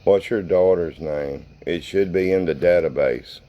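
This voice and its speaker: Very deep, slow-talking man, spirit box session. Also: lo-fi sound. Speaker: paranormal investigator hosting a spirit box session. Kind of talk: casual narration to camera and questions to spirits.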